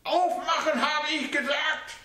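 A man voicing a domineering ninety-one-year-old mother who nags and scolds her grown son in a shrill, commanding voice. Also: steady tone, a little slow, sharp tone, heavily acted. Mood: scolding. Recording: roomy echo.

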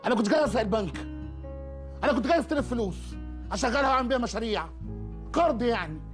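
A man's voice: very high-pitched, lively intonation, racing, faint music behind. An actor playing a sheepish young Egyptian man making stammering excuses to his mother.

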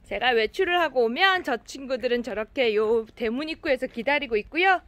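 A woman's voice: high-pitched, animated, a little fast, a bit bright, no echo. A woman running an animal cafe, talking casually to viewers and calling her cats over in a sing-song, coaxing voice outdoors in her yard. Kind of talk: casual vlog narration to viewers.

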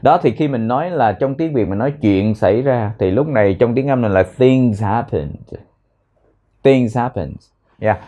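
A man's voice: medium pitch, dull audio. Vietnamese man drilling English words. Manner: repeats words slowly, drilling pronunciation. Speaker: English teacher. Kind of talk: language lesson explaining phrases.

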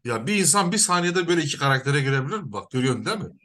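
A man's voice: on the high side, very animated, rapid-fire, sharp tone. A man working as a spiritual counselor, commanding and repetitive, sometimes chanting prayer words over and over.

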